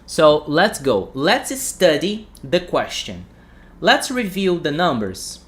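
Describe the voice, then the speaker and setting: A man's voice: on the high side, big pitch swings, slow, a bit bright. A man from Brazil with a Brazilian accent, a native Portuguese speaker teaching an English lesson on a livestream, repeating phrases for students to echo.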